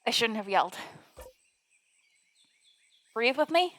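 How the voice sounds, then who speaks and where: A woman voicing a calm adult video game hero who speaks softly and patiently. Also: a little high, slow pace. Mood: gentle. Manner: soft, patient, reassuring.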